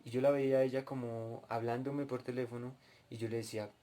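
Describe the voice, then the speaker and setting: A man's voice: mid-range voice, flat delivery, fairly quick, mellow. A man telling a dream as a testimony and teaching from the Bible, turning often to address his listeners directly. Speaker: preacher at a cell group.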